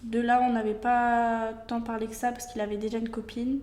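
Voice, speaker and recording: A woman's voice: fairly high pitch, flat delivery, brisk, darkish tone, roomy sound, lightly acted. A woman playing a young wife, subdued. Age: 20s. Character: young wife, twenty-five, hurt.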